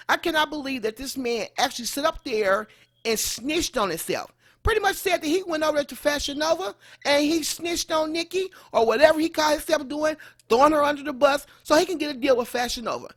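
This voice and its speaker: A woman with an American accent and a high voice gives gossip commentary. She scolds emphatically and repeats phrases to drive her point home. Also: a bit bright. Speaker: commentary host.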